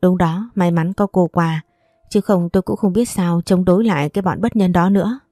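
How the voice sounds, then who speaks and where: A fierce, protective middle-aged mother who scolds bluntly voiced by a woman narrator. Her voice is low and warm, and the recording is dry. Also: moderate pace, dry recording, lightly acted. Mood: worried.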